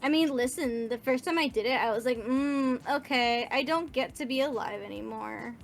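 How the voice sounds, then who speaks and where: A woman's voice: high-pitched, moderate pace, gravelly, faint music behind. A woman voicing a bubbly teenage party-girl ghost in a drawling valley-girl manner. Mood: gushing. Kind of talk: reading game dialogue aloud on a stream.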